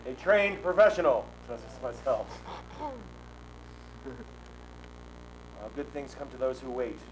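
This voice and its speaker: A man's voice: mid-range voice, expressive, background noise, natural voice. Man playing a grandiose, swooping flea circus showman. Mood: grandly mock-solemn. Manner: grandiose carnival barker patter, dramatic swoops and pauses. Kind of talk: live comic circus showman performance.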